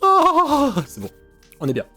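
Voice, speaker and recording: A man streaming a video game, chatting casually and excitedly, swearing and thinking out loud. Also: on the high side, moderate pace. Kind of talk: casual let's-play commentary. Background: faint game music.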